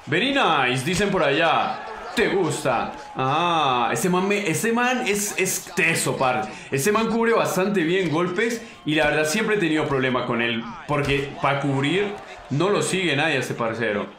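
Excitable Colombian man, bright echoey voice. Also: on the high side, unhurried. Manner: excitable, slangy, talks to the opponent, bursts into yelps. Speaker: gaming channel host. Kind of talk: casual gameplay commentary.

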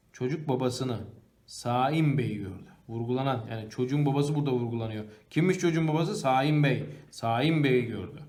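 A man teaching a primary school grammar lesson. He asks the class questions and then answers them himself, and he slows down to read the example sentences aloud. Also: mid-range voice, a little mellow. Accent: Turkish.

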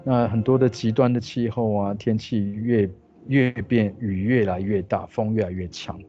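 A man with a Taiwanese Mandarin accent teaching an English grammar lesson, explaining patiently and repeating English words slowly. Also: fairly low pitch, steady tone, dark tone, muffled recording, soft background music.

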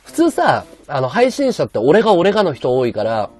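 A man livestreaming with a high-pitched voice and a sore throat, chatting bluntly and casually while reading viewer comments. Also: huge pitch swings, normal speed, darkish tone. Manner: rough, blunt casual speech.

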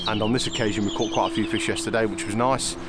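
Out on the bank of a fenland drain, a man chats his way through his fishing trip in quick, easygoing vlog style, saying "it really does" again and again. His voice is lowish with fairly even intonation, and the surroundings are very noisy.

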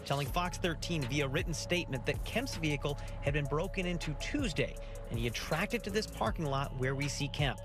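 A man in his thirties reporting live outdoors for a local TV news station in a measured, clear delivery. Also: on the high side, expressive, music in the background. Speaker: field reporter. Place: outdoors by a jail parking lot.

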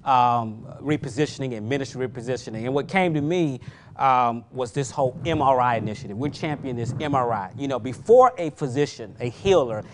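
A man hosting a TV panel discussion, energetic and affirming, with quick interjections. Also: mid-range voice, slight background noise. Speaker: host. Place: TV studio set. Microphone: lapel mic.

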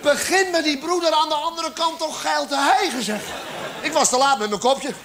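A man performing a stand-up cabaret monologue on a theatre stage, acting out characters with sudden exaggerated shouts. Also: extremely high pitch, moderate pace, over a noisy crowd. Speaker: comedian. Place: theatre stage with live audience. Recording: live theatre recording, audience laughter, background noise.

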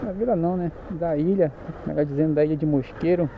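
A chatty man with a Paraense Brazilian accent, a little higher-pitched than most men, talks while riding a motorcycle through the streets. He jokes and corrects himself as he goes. The sound is muffled, with loud engine and traffic noise behind him. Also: quick pace. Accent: Paraense Brazilian Portuguese. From Pará, Brazil. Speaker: motorcycle vlogger. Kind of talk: casual chat while riding.

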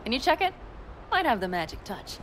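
A woman's voice: a little high, big pitch swings, a little fast, very noisy. A woman voicing a tough young nomad fighter in video game dialogue, blunt, swearing and teasing, over game music. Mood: wry.

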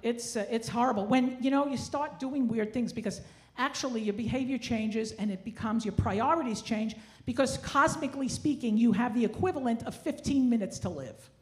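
A woman's voice: fairly high pitch, normal speed. A woman in her sixties doing stand-up comedy into a handheld stage mic, with wry, self-deprecating, Yiddish-inflected kvetching. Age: 60s. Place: theatre stage, indoors. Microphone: handheld stage microphone. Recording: live stage ambience with clear noise.

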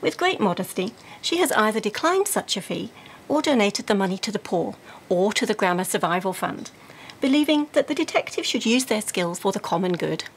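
A woman reading a scripted story narration in a lively, sing-song way. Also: medium pitch, brisk, a little hiss or hum. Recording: music under the narration.

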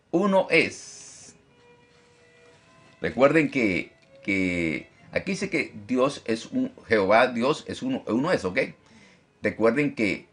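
A male preacher leads a Bible study with a very animated, swooping delivery. He repeats words for emphasis and briefly mimics critics in a higher tone. The feel is informal and direct with his congregation. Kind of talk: live-streamed Bible teaching.

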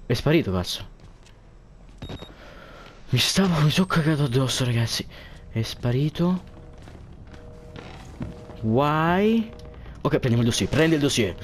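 A man's voice: medium pitch, animated, unhurried, long pauses, slight background noise. A man commenting on a horror game for viewers, jumpy and joking, swearing often at what scares him. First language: Italian. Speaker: gameplay commentator.

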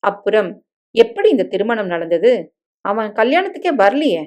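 A woman's voice: mid-range voice, very animated, moderate pace, a little mellow, close to an everyday voice. A woman voicing a shy, hurt young bride in a dramatic story reading, with a pleading, emotional manner.

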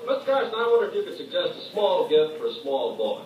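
A man playing a pompous, brisk store announcer in 1940s radio comedy, on an old recording. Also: on the high side, very animated, very echoey, distant mic, heavy background noise. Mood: chatty. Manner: grandiose, rapid announcer delivery.

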